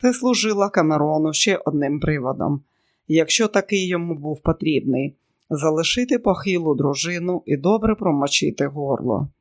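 A man narrating an audiobook in a measured, steady way. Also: a little high. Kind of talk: scripted narration.

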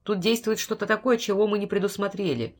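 A woman reading an audiobook, voicing a calm, soft-spoken male scientist with a measured delivery. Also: mid-range voice, natural voice. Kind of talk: audiobook character voice.

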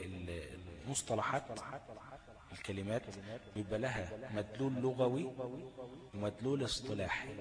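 Male Egyptian tajweed teacher, mid-pitched, Q-and-A drilling, noisy class behind. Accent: Egyptian Arabic. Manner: asks the class questions and supplies the answers himself; repeats key terms for emphasis. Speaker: Quran recitation teacher.

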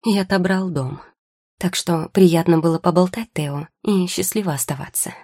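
A woman's voice: on the low side, normal speed, darkish tone, no room sound, studio quality. A woman voicing a prickly, sarcastic young witch. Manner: curt, sarcastic retorts. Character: tired, prickly young woman potion-maker. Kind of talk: audiobook character voice.

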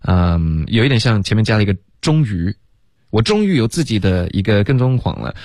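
A man teaching English on a radio lesson, switching between Chinese and English and slowly drilling phrases. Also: fairly low pitch, sing-song, a little mellow, dry recording, clean studio sound. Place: radio studio.

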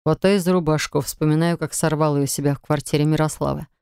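A woman reading first-person audiobook narration in a measured, even way. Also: low-pitched, clear, resonant tone, dry recording, clean studio sound.

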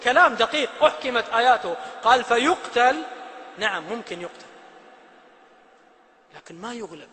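A male preacher giving a sermon, swinging between loud emphasis and hushed quotes. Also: very high-pitched, animated, normal speed, pauses often, slight background noise. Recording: long hall reverb.

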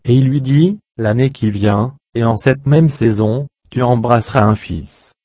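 A man reading an old French Bible translation aloud as steady scripted narration. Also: medium pitch, measured pace, no echo, studio quality. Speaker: Bible reader.

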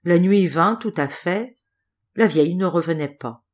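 A woman reading a fairy tale aloud as an audiobook narrator, calm and measured. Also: on the low side. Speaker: audiobook reader. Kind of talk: storybook narration.

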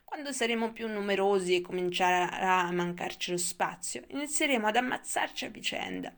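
A woman's voice: medium pitch, vocal fry, a bit bright. A woman reading the lines of a rambling, wistful old grandfather in an audiobook. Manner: wistful, lecturing.

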